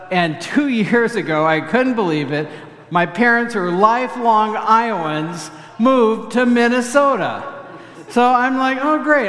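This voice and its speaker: A man's voice: high-pitched, fairly bright tone. A man preaching as pastor, chatty and humorous, leading the congregation in spoken responses. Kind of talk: sermon. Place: church sanctuary. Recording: echoey church hall.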